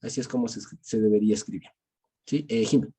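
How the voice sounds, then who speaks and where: A man's voice: fairly low pitch, fast, warm tone, slightly rough. A man with an Ecuadorian Spanish accent teaching a small-group Bible class over a video call, explaining step by step and checking in with his listeners after each point.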